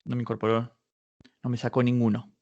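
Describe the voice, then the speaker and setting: This man's medium-pitched voice is completely flat, brisk, and a little mellow, captured with lo-fi sound. As a workshop instructor running a live online patent search tutorial, he takes listeners through a database search step by step, thinking aloud and frequently restarting to correct himself.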